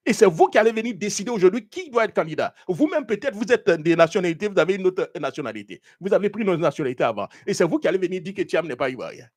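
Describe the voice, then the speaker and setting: Male show host, high and lively, indignant live commentator. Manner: animated, indignant, searching online while talking.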